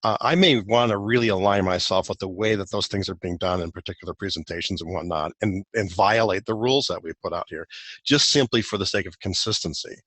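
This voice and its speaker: A man's voice: low voice, fairly quick, fairly bright tone, no echo. A man presenting a technical guide in a recorded webinar walk-through, explaining loosely with many fillers and restarts.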